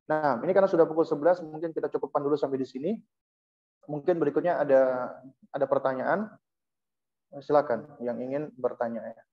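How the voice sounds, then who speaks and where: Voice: mid-range voice, fairly even intonation, highs cut off. Seorang penceramah agama menjelaskan pendidikan anak dengan tenang dan pelan, sering menyisipkan "ya" untuk menegaskan. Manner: unhurried explaining, peppered with affirming "ya". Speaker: religious lecturer. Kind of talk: Islamic parenting lecture to a live and online audience.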